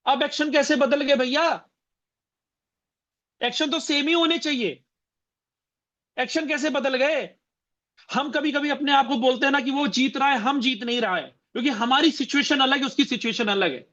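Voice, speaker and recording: Male motivational trainer, very high bright voice, punchy repetition and rhetorical questions, dull lo-fi sound. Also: moderate pace, long pauses. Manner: repeats phrases and fires rhetorical questions at the audience. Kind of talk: motivational seminar talk. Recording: dull lo-fi recording.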